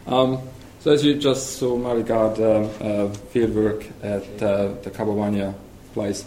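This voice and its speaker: A Hungarian-accented software engineer gives a conference presentation, hesitating often with ums and restarting sentences. His lowish, mellow voice shows little pitch movement. The sound is roomy, with faint hiss.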